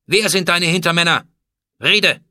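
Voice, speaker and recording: Guy doing angry pharaoh queen, high loud voice, cold threats, storybook. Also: a little slow, no room sound, clean studio sound, exaggerated voice. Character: proud furious woman pharaoh, commanding.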